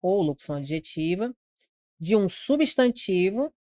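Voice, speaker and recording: In a close, dry recording with no room sound, a Brazilian woman gives an online grammar lesson for exam prep in Brazilian Portuguese. Her medium-pitched, mellow voice has a sing-song lilt and a measured pace. She explains patiently, questions her students, and stretches words to mark their stressed syllables.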